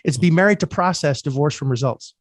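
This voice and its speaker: A man's voice: fairly high pitch, fairly quick, dry recording, clean studio sound. A man from Canada hosting a podcast, telling candid personal stories in casual chat and swearing freely. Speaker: podcast host.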